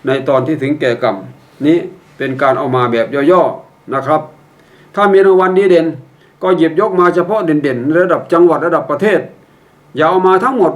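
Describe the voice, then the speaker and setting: An older man gives a patient instructional talk, walking listeners through each step. His voice sits a little high for a man. He drops in wry mock examples and keeps a courteous, measured tone. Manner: polite, ends phrases with a courteous particle. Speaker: public speaking instructor.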